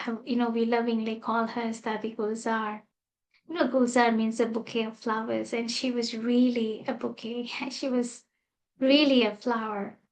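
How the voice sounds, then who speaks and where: A woman from Malaysia gently telling a personal spiritual story as a guest speaker, with soft fillers. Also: fairly high pitch, rough recording. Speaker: guest speaker, meditation teacher.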